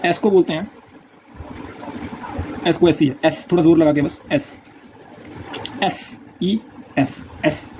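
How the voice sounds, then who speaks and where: A man teaching a language lesson, repeating letter sounds slowly and patiently in a casual spoken style. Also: fairly high pitch, fairly even intonation, warm tone. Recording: dull lo-fi recording, faint noise.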